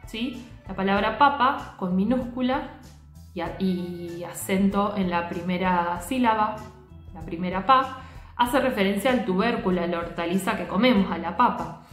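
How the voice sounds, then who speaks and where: A woman teacher explaining a lesson to her students, often pausing to check that they follow. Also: fairly high pitch. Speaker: literature teacher. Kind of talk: recorded class lecture. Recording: echoey room.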